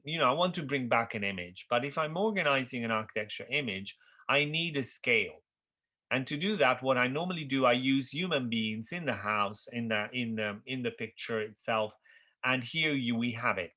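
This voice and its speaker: Bright-voiced lecturing man, Italian native. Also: mid-range voice. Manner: thinks aloud with frequent fillers and restarts, checks in with "okay?". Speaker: university lecturer. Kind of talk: architecture history lecture.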